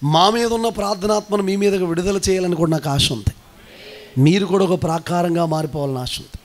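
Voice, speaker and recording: A male pastor from India with a Telugu accent, preaching a sermon that swings from low, quick talk to shouted commands and sing-song chanting.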